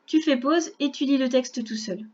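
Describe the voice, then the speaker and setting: A woman teacher giving a recorded reading lesson to a young child, speaking slowly with careful articulation and addressing the child directly. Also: high voice, dull audio. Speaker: primary school teacher.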